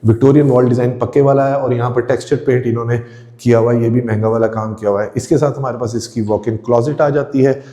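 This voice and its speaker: A man's voice: mid-range voice, fairly even intonation, quick pace, warm tone. A man walking viewers through an empty house, describing each room with enthusiasm and speaking straight to the audience. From Pakistan. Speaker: real estate tour host. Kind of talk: walkthrough house tour narration. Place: indoors, empty house rooms.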